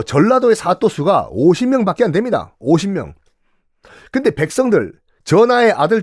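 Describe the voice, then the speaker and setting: A man's voice: no echo, studio quality. A man voicing a blunt, outspoken old male royal minister who pleads urgently with his king. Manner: pleading, urgent, high-pitched.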